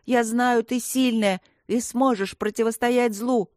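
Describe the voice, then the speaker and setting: A woman voicing a desperate eleven-year-old boy who pleads and shouts in a raised voice. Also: on the high side, fairly even intonation, moderate pace, dry recording, clean studio sound, voice pushed up, lightly acted. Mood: shouting.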